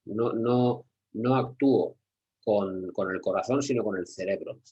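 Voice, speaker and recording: Spanish guy teaching security guards, kinda low husky voice, asks himself questions and answers them. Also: a little slow, warm tone, dull audio. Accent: Spanish from Spain. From Spain. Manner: didactic, repeats key words, asks rhetorical questions. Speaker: security trainer. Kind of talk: workshop lecture.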